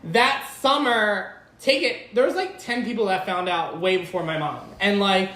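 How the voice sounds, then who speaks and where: A man from Philadelphia hosting a podcast, telling a story in animated, campy casual chat. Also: sits high, moderate pace. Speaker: podcast host. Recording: roomy echo.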